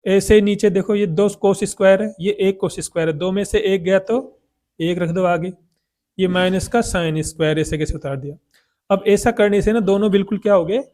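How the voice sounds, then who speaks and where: A man's voice: high-pitched, a little slow, a little mellow. A man teaching a math lesson, asking questions and answering them himself.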